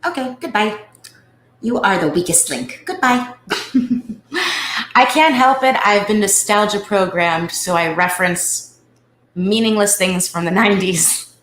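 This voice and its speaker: Woman, mid pitch, playful and joking, roomy echo. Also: a little slow, long pauses, fairly bright tone. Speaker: podcast host. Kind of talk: casual chat over a call.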